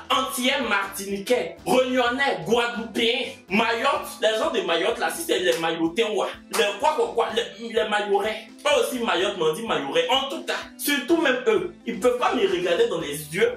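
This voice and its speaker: A woman's voice: mid-range voice, lively intonation, normal speed. A woman delivering a heated, mocking reaction rant. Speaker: vlogger. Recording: echoey room with faint music.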